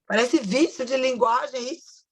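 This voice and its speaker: A woman's voice: sits high, breathy edge. A woman student in an online French class, trying phrases hesitantly. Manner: hesitant, slow, unsure attempts.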